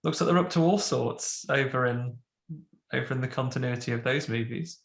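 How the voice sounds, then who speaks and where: In a reverberant recording, a podcast co-host talks casually at normal speed, his mid-range voice edged with vocal fry. A cold leaves him a bit snuffly, and his rambling speech is full of self-interruptions and restarted sentences.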